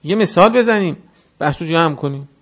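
Male cleric, high voice, sermon delivery, hushed asides building to passionate reproach. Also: lively intonation. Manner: swings from soft confiding murmur to loud impassioned rebuke; chants Quranic verse slowly.

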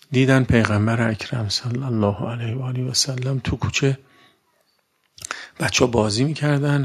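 A male preacher giving a conversational sermon in a gravelly voice with a husky edge. He talks in an everyday way and keeps asking his listeners rhetorical questions. He drags out key words slowly for emphasis. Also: medium pitch. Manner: colloquial, asks the audience rhetorical questions.

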